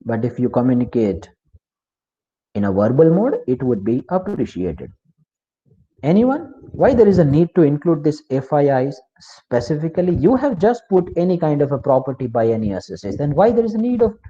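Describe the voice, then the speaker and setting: A man's voice: fairly high pitch, very animated, normal speed, dark tone. A man with an Indian English accent teaching tax law in an online class, explaining step by step and asking the class questions. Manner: explanatory, repeats key terms, asks the class questions. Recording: slightly dull, lo-fi.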